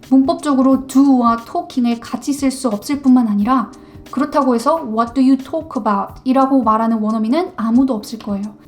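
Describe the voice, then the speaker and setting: A woman teaching English listening in a relaxed, chatty way. Her voice sits a little high. She addresses the viewer directly and now and then imitates how English phrases sound. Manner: talks straight to viewers, mimics English pronunciations to contrast them. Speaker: English-learning YouTuber. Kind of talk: casual explanatory lesson.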